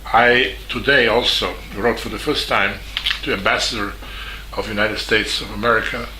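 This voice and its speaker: Halting Serbian-accented man, bright tone. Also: lowish voice, fairly even intonation, a little hiss or hum. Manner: halting, with many fillers and restarts. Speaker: journalist. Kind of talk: spoken statement. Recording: echoey room with faint ambience.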